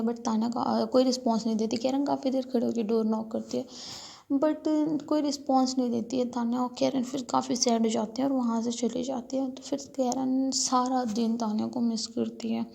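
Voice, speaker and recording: A young woman tells a story in a relaxed, talky way, full of fillers. Her voice sits a little high and has a gravelly, creaky edge, and her pitch stays flat. She records alone in a room with outside noises coming in. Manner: chatty retelling, filler-heavy, quotes lines in her own voice. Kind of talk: casual spoken storytelling.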